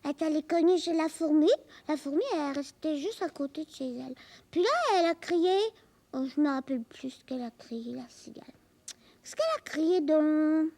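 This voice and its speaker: An actress voicing a lively, curious little girl on a children's TV show. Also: high-pitched, moderate pace, no echo. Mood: eager. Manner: eager, childlike, bragging. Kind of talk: children's TV acting.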